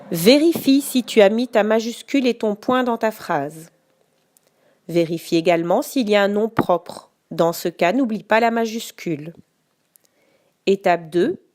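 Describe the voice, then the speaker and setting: A woman teacher giving a deliberate, carefully articulated dictation lesson for schoolchildren. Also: mid-range voice, a little mellow. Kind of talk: slow instructional dictation for schoolchildren.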